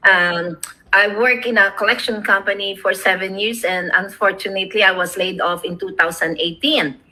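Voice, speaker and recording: A woman's voice: medium pitch, steady tone, normal speed, sharp tone, rough recording. A middle-aged woman from the Philippines, hosting a casual chat over a video call, rambling and laughing often. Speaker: host.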